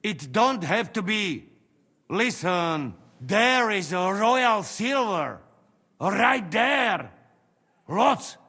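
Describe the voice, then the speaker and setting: An actor playing a friendly, persuasive mercenary who speaks broken English in a game. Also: male voice, sits high, sing-song, extremely slow, pushed and bright, in a large hall, full character voice. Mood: coaxing. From Trenčín.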